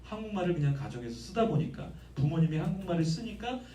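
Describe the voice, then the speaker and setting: A male pastor preaching a sermon in lively, conversational style, often asking the congregation questions. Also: a little high, quick pace, roomy sound, distant mic, a little hiss or hum. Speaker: guest pastor. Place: church sanctuary.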